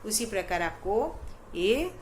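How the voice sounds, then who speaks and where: A woman's voice: mid-range voice, big pitch swings, slow pace, a little mellow, slight background noise. A woman teacher with an Indian accent, whose first language is Gujarati, patiently walking young children through writing letters step by step and checking that they understand. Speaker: school teacher. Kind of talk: slow step-by-step handwriting lesson for young children.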